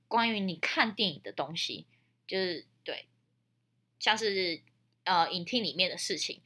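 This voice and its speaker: A woman's voice: on the low side, sharp tone. A young woman with a Taiwanese Mandarin accent hosting a podcast, telling stories and giving advice in a chatty, colloquial, emphatic way. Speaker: podcast host. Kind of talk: casual storytelling with friendly advice.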